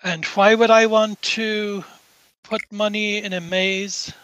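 A cool, condescending rich woman, as a male game master puts her on, measured and dismissive. The voice sits high and bright, and the dry recording has no room sound around it. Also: fairly even intonation, clean tone, no echo, lo-fi sound. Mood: haughty.

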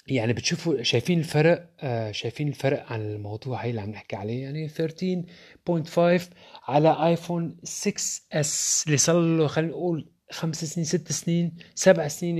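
A man's voice: medium pitch, darkish tone, breathy edge. A young man with a Levantine Arabic accent, giving his opinions on phones in casual, rhetorical talk that speaks straight to viewers. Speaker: tech reviewer.

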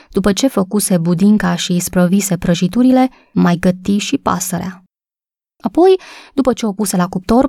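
A woman narrating a novel as an audiobook, in a steady storytelling manner. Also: mid-range voice, vocal fry, dry recording, clean studio sound.

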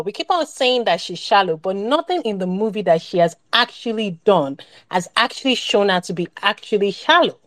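A woman's voice: medium pitch, dry recording. A woman co-hosting a podcast, talking casually about a film, rambling with many restarts and fillers. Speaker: podcast co-host.

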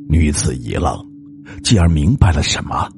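A man narrating a ghost story in a slow, suspenseful storytelling manner. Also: very deep voice, big pitch swings, vocal fry.

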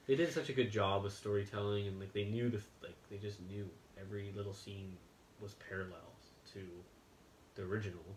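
A man's voice: on the low side, fairly even intonation, a little fast, slight background noise. A man co-hosting a podcast, chatting casually and rambling enthusiastically. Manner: rambling, enthusiastic, laid-back. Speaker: podcast co-host. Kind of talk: casual chat. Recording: echoey room with faint ambience.

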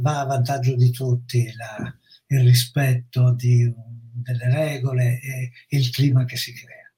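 A middle-aged man, a psychologist, explaining with measured, reflective pacing in an educational talk. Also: mid-range voice, a little mellow. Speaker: psychologist guest.

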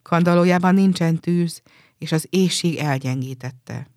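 A woman voicing a generous, sorrowful statue prince who gives everything away, in a gentle storybook telling. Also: fairly low pitch, no room sound, clean studio sound, close to an everyday voice. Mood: pleading.

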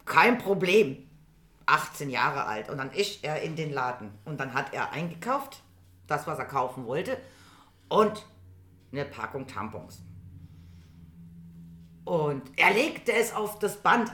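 Podcast co-host, woman, 50s, animated anecdotes with filler-heavy hesitation, echoey room. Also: deep voice, measured pace, long pauses. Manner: lively storyteller, hesitant with many fillers. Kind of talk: casual chat, telling anecdotes. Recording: roomy echo.

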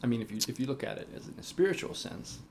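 A man from Canada chatting casually over a conversation card game, thinking aloud with relaxed restarts. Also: medium pitch, racing, noisy background. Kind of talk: casual chat.

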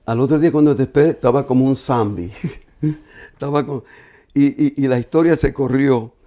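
A man sharing an emotional personal testimony, telling it in an earnest, halting way with many restarts. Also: medium pitch, warm tone, soft background music.

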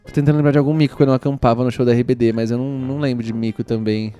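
A Brazilian man chats casually and tells lively, animated anecdotes. He talks very quickly at a medium pitch. Soft music plays faintly in the background. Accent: Brazilian Portuguese. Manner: animated storyteller, calls his listener "menina". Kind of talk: casual chat.

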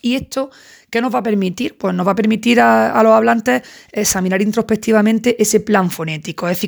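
A woman from talks through a university lesson in a relaxed, conversational way. She keeps checking in with her listeners through little questioning asides. Her mid-pitched voice carries a gravelly edge of fry. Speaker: university tutor. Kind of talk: casual recorded lecture.

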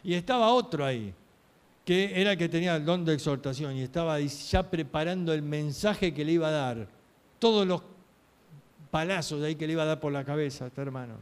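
A man's voice: a little high, fairly quick, clear, resonant tone. A man preaching a sermon, telling stories earnestly and asking rhetorical questions.

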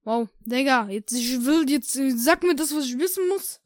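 A woman playing a cocky eighth-grade boy, all street slang and mangled grammar, bored and rude in a comedy role-play. The voice sits very high and sounds close and dry. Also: lively intonation, moderate pace, no room sound. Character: cheeky slang-talking male eighth-grade pupil.

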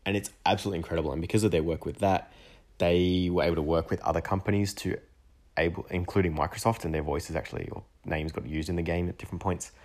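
The voice sits low and has a darkish tone. He's a man hosting an education podcast by himself, talking with enthusiasm and rambling through restarts and side comments.

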